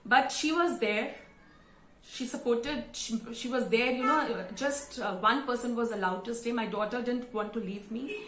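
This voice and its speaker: A woman of about fifty with an Indian English accent, giving a sincere, emotional thank-you speech to camera with halting fillers. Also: a little high, fairly bright tone, slight background noise. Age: around 50. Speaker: vlogger and school teacher. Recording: roomy echo.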